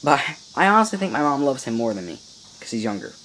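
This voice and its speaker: A man's voice: mid-range voice, fast talker, a little hiss or hum, low-quality recording. Teen boy ranting playfully on camera. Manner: animated, playful mock-outrage, rambling asides to viewers. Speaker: vlogger. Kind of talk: casual video diary. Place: upstairs room at home. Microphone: microphone in a home room. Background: faint insects chirping.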